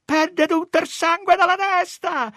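A man doing shrill screaming women. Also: slow pace, smooth, no echo, studio quality, heavily acted. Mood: furious. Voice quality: high, shrill and shouting. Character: crowd of furious shrieking Roman women.

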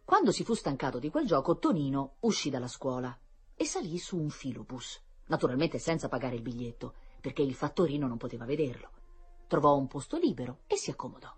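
A woman narrating a children's tale with a low, husky voice and a lively, rising and falling delivery. Soft music plays faintly behind her. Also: a little fast. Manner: expressive, lively storytelling. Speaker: storyteller. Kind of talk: read-aloud children's story.

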